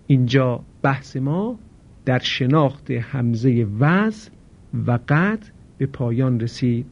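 A man teaching Arabic grammar in a recorded lesson, speaking slowly and deliberately, asking his students questions and answering them himself. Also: mid-range voice. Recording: dull lo-fi recording.

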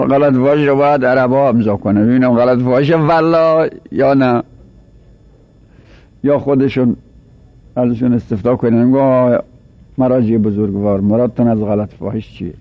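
A man's voice: mid-range voice, long pauses, dry recording. Male seminary teacher, methodical lecture delivery with recited verses, muffled dry recording. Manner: explains step by step, recites Arabic verses. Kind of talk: classroom lecture.

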